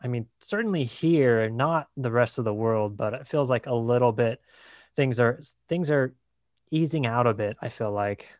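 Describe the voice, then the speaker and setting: In studio-quality audio with no room sound, a male podcast host chats casually at a moderate pace in a mid-range voice. He's relaxed and rambles a little, dropping plenty of fillers like "like" and "uh."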